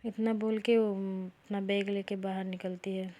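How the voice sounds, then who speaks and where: A woman's voice: medium pitch, little pitch movement, moderate pace, warm tone. A woman hosting a storytelling channel, chatting casually as she retells a romance story and speaks the characters' lines in her own voice. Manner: chatty, retells dialogue plainly without doing voices.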